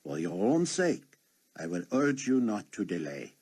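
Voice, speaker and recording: A man's voice: lowish voice, very animated, darkish tone, slightly rough, voice pushed up, heavily acted. A man voicing a stern Interpol operative with a thick French accent. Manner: slow, insistent.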